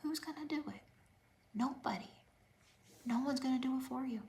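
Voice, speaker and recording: A woman's voice: high voice, moderate pace, a little mellow. A woman fitness coach giving an emotional motivational talk on a livestream, repeating key lines and dropping to whispers for emphasis.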